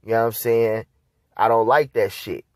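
A man's voice: lowish voice, steady tone, moderate pace, darkish tone, dry recording. Heated profane man, dry close mic. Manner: heated, profane, street slang. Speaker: podcast host. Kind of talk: casual political commentary monologue.

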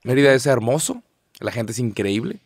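A young man with a Mexican accent, co-hosting a podcast in a casual, slangy, animated way. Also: medium pitch, moderate pace, breathy edge. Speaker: podcast co-host. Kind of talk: casual chat.

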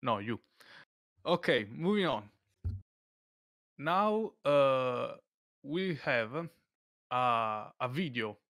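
A man hosting an online music event in a casual, laid-back way, often pausing with filler sounds. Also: medium pitch, lively intonation, fairly bright tone, no room sound, studio quality. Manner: hesitant, with many filler sounds.

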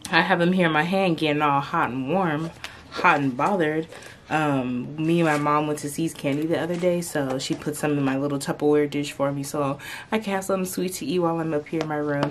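A young woman with a low-pitched voice vlogs casually from her bedroom, the camera held close in front of her face. She rambles along, filling gaps with plenty of "like" and "um," over slight background noise.

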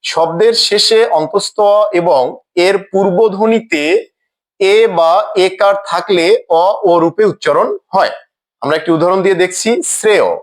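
A man teaching a scripted grammar lesson in a slow, deliberate way, saying each example word twice. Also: sits high.

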